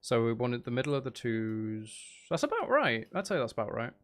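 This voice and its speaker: A streamer gives casual gameplay commentary in a medium-pitched voice that swings widely in pitch, talking briskly. He mutters and counts aloud to himself, playful, self-deprecating and sweary.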